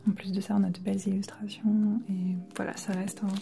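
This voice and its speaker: Hushed, whispering woman with dark, soft tone. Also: medium pitch, flat delivery, brisk, vocal fry. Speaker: ASMR book collector presenter. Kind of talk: ASMR, whispered casual chat about books.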